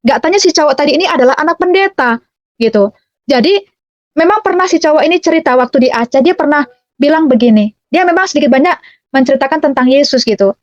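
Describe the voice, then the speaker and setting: A woman's voice: sits high, expressive, fast, no room sound. A woman telling her personal faith testimony in a chatty way, tagging phrases with a casual filler and calling her listeners dear brothers and sisters. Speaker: testimony speaker. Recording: dull, muffled dry recording.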